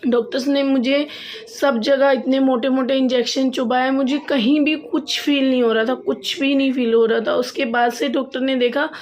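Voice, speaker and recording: A woman's voice: high voice, steady tone, moderate pace, a little mellow. A young woman vlogger telling a personal story in a chatty way, often repeating phrases for emphasis. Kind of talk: casual storytelling to camera.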